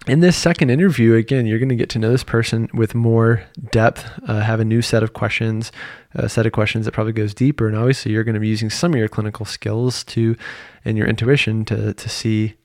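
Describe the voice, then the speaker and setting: Low-voiced man hosting a podcast. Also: fairly quick, no echo, clean studio sound. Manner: relaxed, thinking aloud with fillers and restarts. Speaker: podcast host. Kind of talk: casual podcast monologue.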